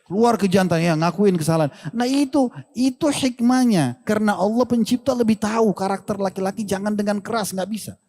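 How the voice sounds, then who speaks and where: A male Islamic preacher giving a casual lecture, lively and joking, with colloquial slang and rhetorical questions. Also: sits high, quick pace, long reverb tail.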